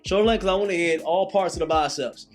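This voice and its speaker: A man in his thirties coaches a workout in a notably high voice. He repeats his cues over and over and drifts into preachy talk, while faint music plays underneath. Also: quick pace. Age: 30s. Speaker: fitness coach.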